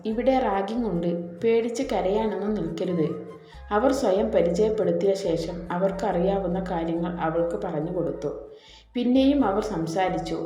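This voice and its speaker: A woman narrating a story in a gentle, even voice, reading the characters' lines without changing her voice. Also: medium pitch. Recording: echoey room, soft background music.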